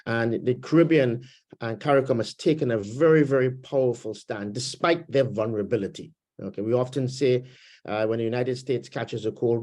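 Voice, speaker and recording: Speaking from home in Canada over a video call, a man of Trinidad and Tobago roots with a Trinidadian accent serves as a webinar panelist in a panel discussion on politics. His mid-range, dark voice is measured and thoughtful, and he pauses often with many fillers.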